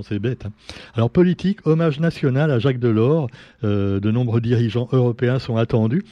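A man's voice: mid-range voice, warm tone, no room sound. Sarcastic man chatting through the news. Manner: chatty and sarcastic, many fillers and asides. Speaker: press review host. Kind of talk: casual spoken press review. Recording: dull lo-fi sound.

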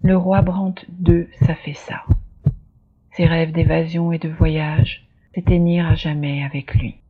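A storyteller giving a measured, dramatic scripted reading of a dark fantasy tale. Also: mid-range voice, little pitch movement, breathy edge, phone-quality sound.

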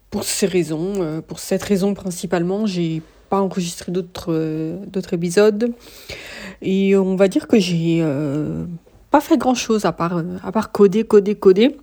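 Slow, mellow-voiced tired woman podcaster. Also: on the low side. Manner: hesitant, many filler sounds and restarts. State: tired, worn out. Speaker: podcast host. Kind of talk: casual solo podcast monologue.

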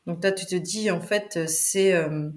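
A woman's voice: fairly low pitch, fairly even intonation, a little slow. A woman in casual chat, playfully going through song lyrics with asides.

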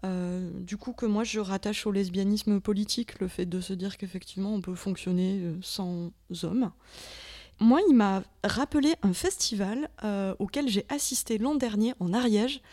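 A woman's voice: medium pitch, normal speed, warm tone. A woman with a southern French accent who talks enthusiastically in a casual panel discussion, using many fillers.

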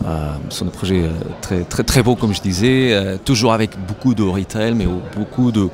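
Over music and the chatter of a busy trade-show crowd, a lowish-voiced man answers interview questions for his company in French, a language he speaks non-natively with a foreign accent. He proceeds haltingly, repeating words as he searches for how to express himself.

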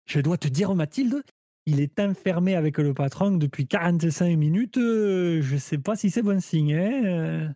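A man's voice: fairly high pitch, moderate pace, dark tone, no echo, studio quality, close to an everyday voice. A man playing a hot-headed southern French café worker with a put-on Marseille accent, ranting theatrically in a live improv scene. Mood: exasperated. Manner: exasperated, theatrical rants.

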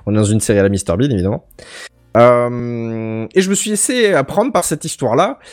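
A man chats on his podcast. His voice swings widely up and down as he jokes and tells a story. He sounds lively and animated. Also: medium pitch, fairly quick, faint music behind. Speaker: podcast host. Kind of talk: casual chat podcast.

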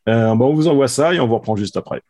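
Man, podcast co-host, casual, halting with fillers, mid-pitched voice. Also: animated, warm tone. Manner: halting, filler-heavy, laughs at himself. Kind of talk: casual music chat.

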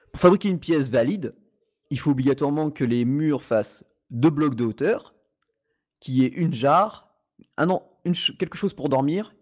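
A man's voice: medium pitch, darkish tone. A man chatting casually about a video game, rambling with many hesitations and restarts. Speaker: podcast host reviewing a video game. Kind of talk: casual chat.

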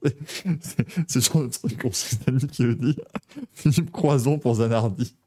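This young male motorsport podcast host keeps things casual, joking, laughing and wandering off on tangents. He speaks at a normal speed in a mellow, mid-range voice.

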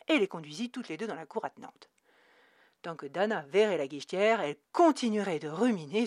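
A woman narrating a novel in a measured, expressive audiobook reading. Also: lowish voice, no room sound, clean studio sound.

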